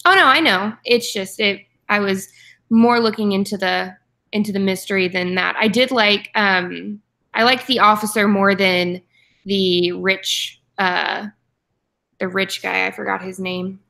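A young woman co-hosts a book club from a room at home with posters and a bookshelf, chatting casually through her webcam on a video call. Her mid-range voice is steady, a little slow, creaky, bright, and forceful, and she often ums and restarts.

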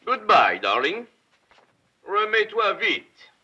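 An actor playing a witty, gallant gentleman thief posing as a count, in 1950s film style. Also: sits high, sing-song, extremely slow, husky, heavily acted. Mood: fatherly. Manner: playful, gallant, ironic. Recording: dull old film soundtrack with music.

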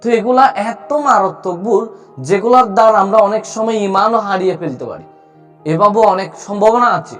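Male teacher, high voice, patient repeating drills, soft music under the voice. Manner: explains slowly, repeats letter sounds for drill. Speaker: Quran recitation teacher. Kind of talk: spoken tutorial.

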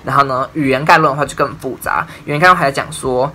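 A man's voice: medium pitch, fast, bright, forceful tone, a little hiss or hum. A man in his twenties with a Taiwanese Mandarin accent, chatting to camera as a student vlogger in a casual, talkative way. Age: 20s. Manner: chatty, leans on "I'm telling you" and "and then". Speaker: university English major vlogger. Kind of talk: casual explainer talk to camera.

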